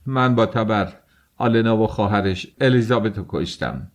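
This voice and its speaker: Man doing a young male laborer, firm halting confession, audiobook. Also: fairly low pitch, close to an everyday voice. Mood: resolute. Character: young thin male worker, confessing with resolve.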